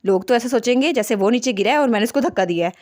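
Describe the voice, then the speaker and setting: A woman's voice: a little high, very fast, a little mellow, close to an everyday voice. A woman reading the lines of a flustered but kind young noble lady in a storybook retelling.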